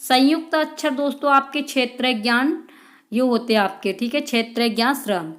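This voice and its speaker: Woman teacher going through exam questions, slightly high voice, keeps saying friends. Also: normal speed. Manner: reads out questions and answers them, calls viewers friends. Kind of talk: exam-prep lesson.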